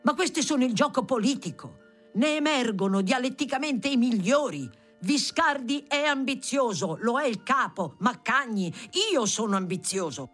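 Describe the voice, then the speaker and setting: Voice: mid-range voice, expressive, normal speed, darkish tone, faint music behind, close to an everyday voice. A reader voicing a stern, irritable middle-aged politician who used to be a factory worker and speaks curtly. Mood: angry. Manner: curt, then bursting into angry lecturing. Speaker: audiobook reader.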